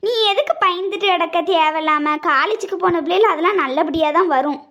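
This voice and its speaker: A calm, matter-of-fact sister-in-law, played by a woman, speaks. Her voice is very high, and she soothes the others in this cartoon drama. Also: fairly quick, lo-fi sound. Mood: reassuring. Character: calm older sister-in-law, reassuring housewife. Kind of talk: cartoon voice acting.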